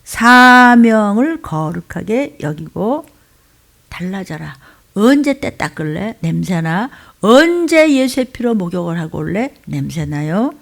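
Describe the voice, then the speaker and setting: A woman pastor preaching an impassioned sermon in a church, swinging between loud cries and hushed asides. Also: medium pitch, big pitch swings, takes it slowly, gravelly. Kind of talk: impassioned Friday night sermon.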